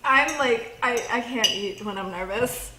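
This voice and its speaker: A woman's voice: a little high, unhurried, roomy sound, heavy background noise. A young woman visiting a friend, chatting casually over a meal, mostly giving short agreeable replies. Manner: agreeable, brief replies, giggly. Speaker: guest friend. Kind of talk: casual chat while eating.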